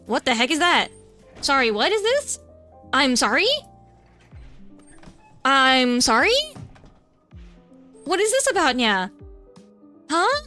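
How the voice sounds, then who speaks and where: Female VTuber, high and bright, casual flustered chatter with a cutesy verbal tic. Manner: flustered, chatty, keeps adding a cutesy "nya". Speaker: VTuber streamer. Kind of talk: casual gameplay streaming chat.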